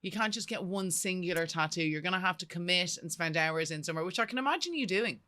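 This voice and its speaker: A woman's voice: lowish voice, lively intonation, fast talker, pushed and bright. A woman co-hosting a podcast, chatting casually and teasing her friend. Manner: teasing, laughing. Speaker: podcast co-host. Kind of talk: casual chat.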